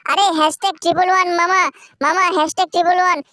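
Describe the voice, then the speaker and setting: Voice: extremely high pitch, little pitch movement, very fast, bright, forceful tone, no echo. A performer voicing the cheeky little boy Shinchan in a playful, pleading way during a game video.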